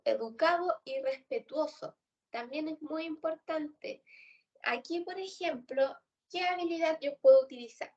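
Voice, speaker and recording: A woman's voice: a little high, a little mellow, distant mic, muffled recording. A woman with a Chilean accent teaching a workshop on job interviews, explaining points and asking and answering her own questions. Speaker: career workshop instructor. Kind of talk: instructional talk.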